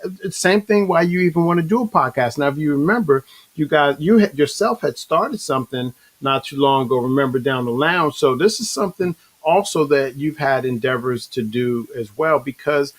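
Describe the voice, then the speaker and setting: A man hosting a casual interview show, speaking in halting, circling phrases with frequent pauses. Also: fairly high pitch. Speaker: show host.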